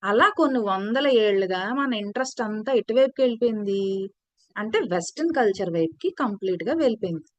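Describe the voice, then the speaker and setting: A woman teaching children in an online class, telling a story in an animated way and asking them questions. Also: mid-range voice, fast talker, no echo, dull audio. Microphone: video call.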